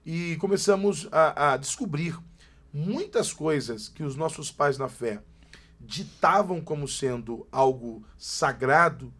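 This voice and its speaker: As a guest on a casual podcast, an emphatic Brazilian pastor in his forties from Greater São Paulo repeats himself like a preacher. He speaks slowly in a fairly high, somewhat bright voice.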